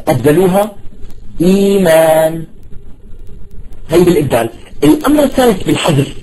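A man's voice: on the high side, a little mellow, a little hiss or hum, rough recording. A man teaching an informal lesson, explaining patiently, often checking that his listeners follow, and repeating and stretching out example words. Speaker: Arabic language teacher.

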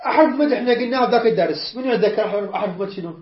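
A woman's voice: mid-range voice, racing, a crowd in the background. Iraqi woman teaching Quran recitation, roomy. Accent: Iraqi Arabic. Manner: patient, repeats words and quizzes students. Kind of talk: teaching a class. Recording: roomy dull lo-fi recording.

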